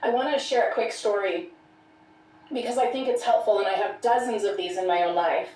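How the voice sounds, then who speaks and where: A woman's voice: mid-range voice, darkish tone. Woman testifying earnestly from an echoey distance. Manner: earnest, measured storytelling. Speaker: podcast guest. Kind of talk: personal testimony in conversation. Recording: echoey room, off-mic.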